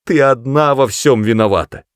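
A man's voice: normal speed, clean tone, no room sound, clean studio sound, close to an everyday voice. A man voicing a hysterical middle-aged mother who shrieks and wails in panic. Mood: shrieking. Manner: shrill, wailing, sometimes moaning.

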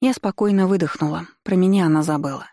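A woman narrating a first-person story in a lively, emotional way, recorded close. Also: lowish voice, fast talker, no room sound. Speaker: audiobook narrator.

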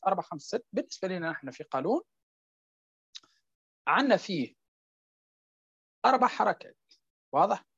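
A woman's voice: fairly low pitch, a little mellow, breathy edge, no room sound, dull audio. A woman teaching a tajweed lesson, repeating each point and checking that her students follow. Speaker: Quran recitation teacher.

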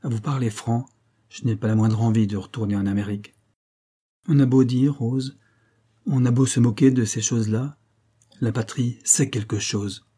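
Man reading earnest, frank young fellow; dark, husky, plain delivery. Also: mid-range voice, fairly even intonation, normal speed, close to an everyday voice.

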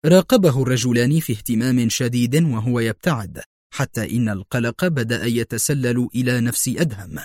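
A man reading an adventure novel aloud as narrator, in a measured, steady voice. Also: medium pitch, no room sound, studio quality.

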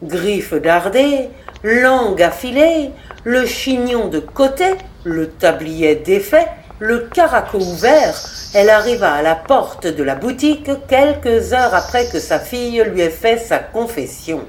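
A woman narrating a literary short story in a measured, expressive way. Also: mid-range voice, slight background noise.

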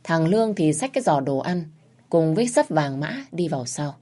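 A woman narrating a dramatic family story in a steady, measured way. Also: sits low.

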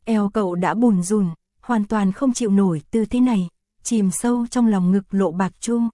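A woman narrating an adult audio story in a steady, even reading voice. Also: mid-range voice, moderate pace, dry recording, clean studio sound. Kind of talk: scripted narration.

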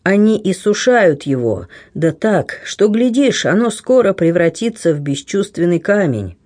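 A man's voice: high-pitched, big pitch swings, a little slow, darkish tone, exaggerated voice. A man reading the part of a blunt, kindly aging buccaneer who grumbles and teases. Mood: gruff warmth. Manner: grumbling, teasing, plain-spoken.

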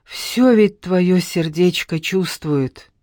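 A narrator voicing a tender, pious old nanny who soothes slowly with folksy endearments. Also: medium pitch, darkish tone, no room sound, studio quality, lightly acted. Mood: grieving. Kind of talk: audiobook character reading.

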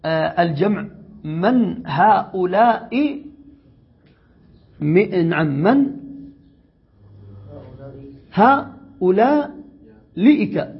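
A man's voice: sits high, animated, creaky, slightly rough, dull audio. A man teaching an Arabic grammar lesson to a class, stretching out his words and often checking whether the students follow. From Yemen. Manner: questions the students, drawn-out words.

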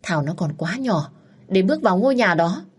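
A woman's voice: mid-range voice, very animated, fairly quick, husky. A woman voicing an exasperated young woman on a phone call with her mother in an audio story.

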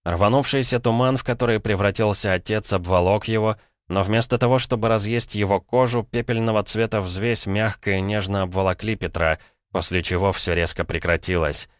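A man reading a fantasy novel aloud in a measured, dramatic narration. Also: lowish voice, steady tone, no room sound, studio quality. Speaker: audiobook reader. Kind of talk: scripted narration.

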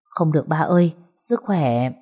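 A woman's voice: low voice, dark tone, husky. A woman voicing an anxious young father who speaks politely and in a hurry. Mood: eager. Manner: polite, hurried.

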